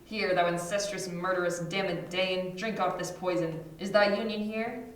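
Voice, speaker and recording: A woman's voice: lowish voice, fairly even intonation, normal speed, pitched below the performer's own voice. A woman voicing a bitter, dying young prince in an amateur read-through of a Shakespeare play, fading yet urgent, sometimes stumbling over the lines. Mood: vengeful. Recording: echoey room, distant mic, noisy.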